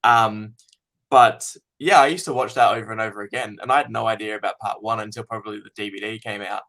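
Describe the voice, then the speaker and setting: A man's voice: lowish voice, fairly even intonation, fast talker, fairly bright tone. A man, a fan filmmaker being interviewed, talking casually and thoughtfully with many ums.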